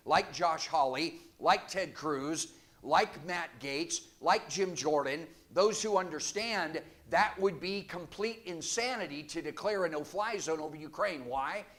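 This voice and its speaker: A man preaching a sermon from the pulpit of a church, forceful, with sarcastic asides. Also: a little high, measured pace. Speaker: guest preacher.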